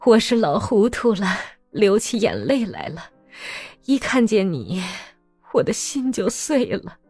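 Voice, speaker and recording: An aging peasant mother, soft and tearful, trying to soothe her sick daughter, as a woman reader puts her on. The voice is dry and close, with faint music underneath in a storybook reading. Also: medium pitch, very animated, a little slow, breathy edge, no echo, pitched above the performer's own voice, full character voice.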